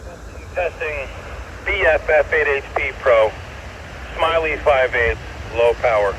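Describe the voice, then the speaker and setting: A man's voice: mid-range voice, unhurried, background noise. A man doing radio test call-outs, his own voice heard back through a handheld walkie-talkie speaker. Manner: flat, clipped call-out delivery. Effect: own voice played back through a walkie-talkie speaker. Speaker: radio hobbyist testing handhelds.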